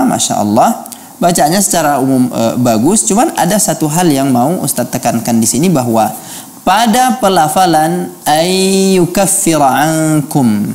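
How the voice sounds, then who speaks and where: A man judging a Quran recitation contest, giving careful feedback and slowly chanting words to show the right pronunciation. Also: a little high, darkish tone. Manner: deliberate, slowly chants Arabic words to model them.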